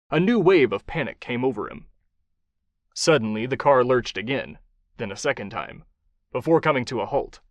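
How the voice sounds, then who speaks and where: A man narrating an action-thriller audiobook, his pitch moving a great deal as he shapes each scene. His voice is mid-pitched and his delivery is dramatic and expressive. The recording is close and dry, with no room echo.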